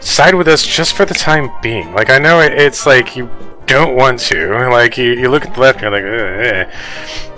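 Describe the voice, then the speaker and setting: A man rants through his news commentary, swearing constantly as he speaks straight to his viewers. His voice is bright and sharp, and his delivery is fast and fired up. Faint music plays quietly behind him. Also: mid-range voice, poor audio. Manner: profane, ranting, heavy swearing. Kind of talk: casual reaction commentary on news articles.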